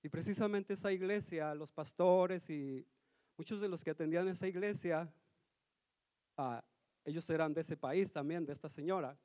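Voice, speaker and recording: A man's voice: fairly high pitch, normal speed, dark tone, no echo. A man giving a sermon as a guest preacher in a church, telling a personal story in an earnest, slightly nervous way. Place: church hall.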